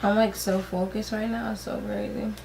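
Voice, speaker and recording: Doing a makeup challenge on her vlog, this woman in her twenties is giggly and a bit tipsy, chatting casually with blunt teasing and plenty of swearing. She speaks flatly at a moderate pace in a mid-range voice that's slightly mellow with vocal fry, over a little hiss or hum.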